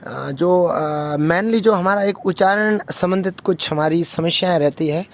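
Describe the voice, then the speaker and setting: A man with a Marwari-influenced Hindi accent, giving an informal spoken lesson, hesitant with fillers and self-corrections, sounding out vowels slowly. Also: sits high. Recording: dull lo-fi recording.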